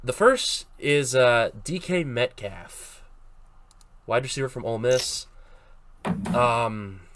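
A man's voice: mid-range voice, expressive, takes it slowly, fairly bright tone, dry recording. A young man from Massachusetts hosting a casual sports podcast, rambling with lots of fillers and restarts. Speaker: podcast host.

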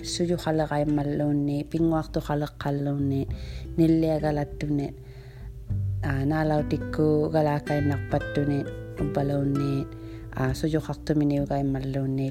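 A woman with an Inuit accent from Nunavut, raised speaking Inuktitut, talks informally as a podcast host. Her voice sits low and stays fairly flat in melody. She feels her way through sentences with hesitant pauses, while guitar music plays clearly behind her. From Iqaluit, Nunavut, Canada. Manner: hesitant, halting, thinking aloud. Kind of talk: informal solo podcast introduction.

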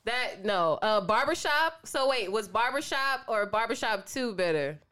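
A woman's voice: on the high side, lively intonation, unhurried, noisy background. A woman co-hosting a podcast in casual chat, teasing and steering the talk with questions. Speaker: podcast co-host.

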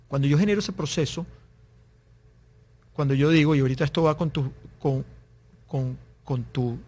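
A man with a somewhat high voice talks through business advice as an interview guest. He explains earnestly and voices short back-and-forth exchanges as examples. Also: dark tone. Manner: explains with examples, acting out little dialogues. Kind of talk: conversational interview.

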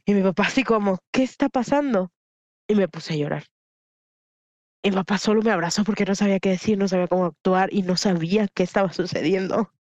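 Mexican woman guest, lively candid storyteller, muffled dry recording. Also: mid-range voice, fast talker, no room sound. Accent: Mexican Spanish. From Huasteca region, Mexico. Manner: animated, acts out quoted voices, frequent fillers. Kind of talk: candid personal storytelling in a podcast interview. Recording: dull lo-fi dry sound.

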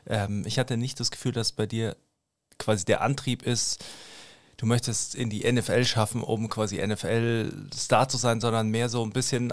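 A man's voice: mid-range voice, no echo. A man hosting a casual podcast, asking long questions with lots of hesitant fillers. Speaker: podcast host.

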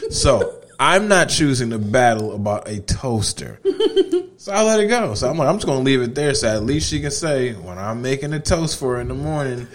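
A man at an ordinary middle pitch, co-hosting a relaxed podcast conversation. He teases and jokes, often mimicking his partner's complaints with a laugh. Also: moderate pace, slight background noise. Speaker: podcast co-host. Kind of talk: casual chat.

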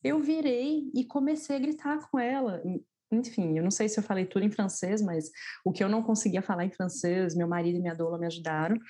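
A woman's voice: medium pitch, steady tone, fairly quick, mellow, husky. A woman as an interview guest, telling a personal story in casual chat, stressing points by repeating words.

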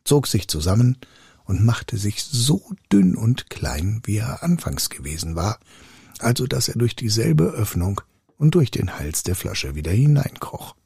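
A man reading a fairy tale aloud, slow and highly animated. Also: gravelly, slightly rough, dry recording, clean studio sound. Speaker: storyteller.

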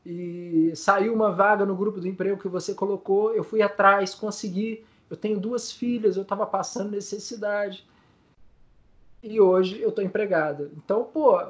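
A man speaks in a fairly high voice, telling stories to an interviewer. He sounds tearful and choked up. He stumbles, repeats words and fills his pauses as his voice breaks. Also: steady tone. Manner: many fillers, repeats words. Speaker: guest, community news group founder. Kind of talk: emotional storytelling in interview.

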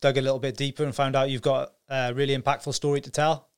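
A man's voice: medium pitch, flat delivery, fast talker, clean tone. A man hosting a podcast interview, matey and casual, swearing now and then. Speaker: podcast host.

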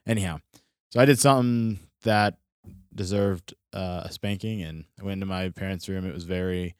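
A young man from Florida tells a story on a podcast in a deep, smooth voice. He rambles, restarts sentences and fills gaps with "um" and "like." The sound is close and dry, with no room echo. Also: normal speed, a little mellow. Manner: rambling, full of fillers and restarts. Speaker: podcast co-host. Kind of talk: casual storytelling. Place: studio.

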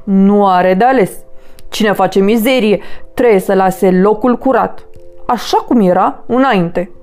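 A woman voicing a big, grumpy male bear in a children's storybook, speaking gruffly and grumbling. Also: medium pitch, darkish tone, soft background music, natural voice.

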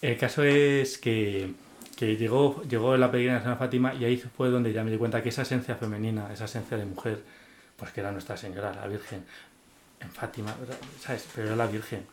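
A man's voice: on the low side, steady tone, brisk. Earnest man telling his faith story. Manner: earnest and heartfelt, with many restarts and repeated words. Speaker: guest giving a faith testimony. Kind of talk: emotional personal testimony in an interview.

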